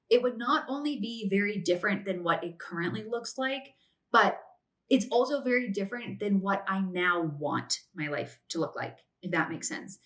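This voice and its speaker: A podcast host in her late twenties gives casual advice in a chatty way, often saying "like" and "if that makes sense." Her voice is mid-range and a bit bright.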